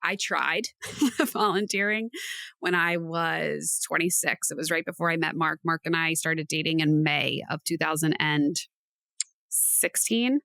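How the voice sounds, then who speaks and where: A woman's voice: deep voice, a little slow, gravelly, no echo. A woman in her thirties co-hosting a casual podcast, affirming her partner and telling stories in a reflective way. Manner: warm affirming listener, reflective storytelling. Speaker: podcast co-host.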